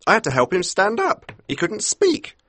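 A man voicing a flustered, defensive policeman who talks in a hurried way, a bit higher than his narrating voice. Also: wildly swooping pitch, bright, forceful tone, slight background noise, heavily acted. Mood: recounting.

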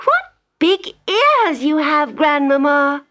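A woman voicing a polite, trusting little girl in a storybook reading, with a high, childlike voice. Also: sing-song, slow pace, pushed and bright, heavily acted. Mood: innocent.

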